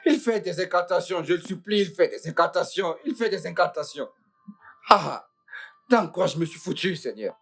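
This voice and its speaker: A woman's voice: on the low side, lively intonation, moderate pace. A woman dubbing a panicked young husband in a French film dub, groaning, pleading and exasperated. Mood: despairing.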